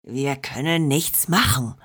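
A woman voicing a gruff male gangster who hisses and growls his lines. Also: rumbling low, slow pace, fairly bright tone, voice pushed down, full character voice. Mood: snarling. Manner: hissing, growling.

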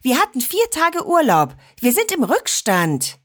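A woman voicing an excited little girl who squeals with delight in a storybook reading. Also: sits high, measured pace, voice pushed up, full character voice. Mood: protesting.

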